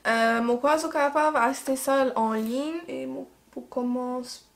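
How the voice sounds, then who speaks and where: Young mauritian woman with a creole accent, kinda high voice, chatty beauty vlog, makes up words as she goes. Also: normal speed. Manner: chatty, improvised, laughs at her own mistakes. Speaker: beauty vlogger. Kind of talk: casual makeup tutorial and storytime.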